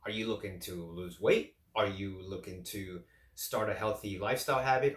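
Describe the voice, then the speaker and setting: Rambling late-thirties man in an echoey room. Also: mid-range voice. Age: late 30s. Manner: rambling, repeats and restarts phrases. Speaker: fitness vlogger. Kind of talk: casual talk to camera.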